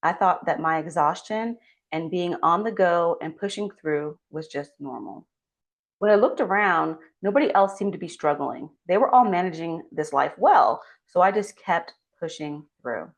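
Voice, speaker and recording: A woman's voice: fairly low pitch, lively intonation, normal speed, creaky. A woman giving a scripted motivational talk as a well-being coach, speaking earnestly and supportively straight to the listener. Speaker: well-being coach and doctor hosting a channel.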